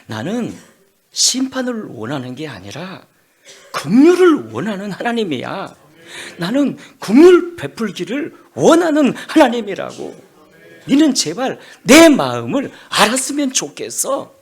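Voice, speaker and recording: A man voicing God as a patient, fatherly figure who scolds gently and reasons earnestly. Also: a little high, measured pace, long pauses, slightly rough, exaggerated voice. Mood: admonishing. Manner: calm, reasoning, then impassioned.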